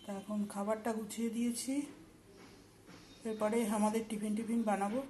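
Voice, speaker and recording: A woman's voice: medium pitch, flat delivery, fairly quick, dark tone, a little hiss or hum. A woman with a sore throat, chatting homely in a casual cooking vlog from her home kitchen, explaining each step. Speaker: vlogger.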